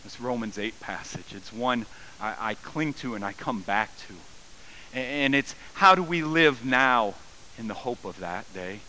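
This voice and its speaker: Male pastor, sermon delivery, bright forceful tone, swells from hush to fervent, slight hiss on the recording. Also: medium pitch, lively intonation, measured pace, low-quality recording. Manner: swings from quiet reflection to loud, soaring emphasis. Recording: faint hiss.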